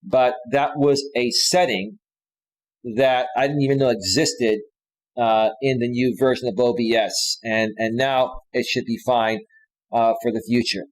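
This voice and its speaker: A man in his forties talks off the cuff on his own live stream, looping back and restarting his sentences. His voice sits at an ordinary middle pitch. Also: steady tone, unhurried, poor audio. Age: 40s. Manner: rambling, with frequent restarts and fillers. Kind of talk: casual live stream talk.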